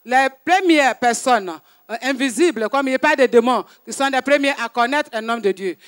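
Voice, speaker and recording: A man interpreting a sermon into French, rendering each phrase in a steady, earnest way. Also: very high-pitched, fairly quick, clear, resonant tone. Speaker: interpreter for the preacher.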